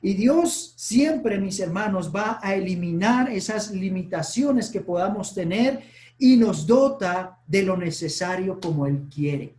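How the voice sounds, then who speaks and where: A man's voice: sits high, lively intonation, a little slow, a little mellow. A male pastor preaching a Sunday sermon, acting out the Bible dialogue in quoted voices.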